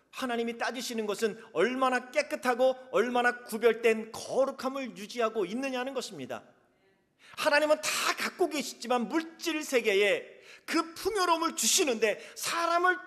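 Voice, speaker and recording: A male pastor preaching a sermon, dramatic, swinging between soft and emphatic delivery. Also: very high-pitched. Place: church sanctuary. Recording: reverberant church hall.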